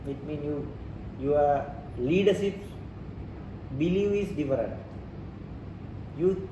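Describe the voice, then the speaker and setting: Speaking simple English as a second language, a Sri Lankan-accented man walks through ideas on leadership and culture step by step, returning to his phrases again and again in an informal, teaching style. His voice is slightly high for a man. The mic catches him from a distance in a roomy space, with clear background noise.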